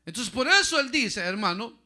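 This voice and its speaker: A man pastor preaching a sermon, repeating phrases and often calling listeners "brother", going loud for emphasis and dropping quiet for asides. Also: very high voice, very animated, moderate pace.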